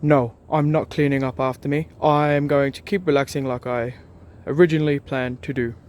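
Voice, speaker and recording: A man voicing Freddy, a lazy young footy player, speaking loudly and carelessly. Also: medium pitch, brisk, close to an everyday voice. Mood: defiant. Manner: carefree, loud and casual.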